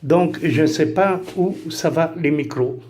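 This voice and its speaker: Pitched on the high side and a bit slow, his voice has a mildly mellow quality. The speaker, a camera gear vlogger whose mother tongue is Italian, casually demonstrates a monitor setup, hesitating often with fillers and restarts.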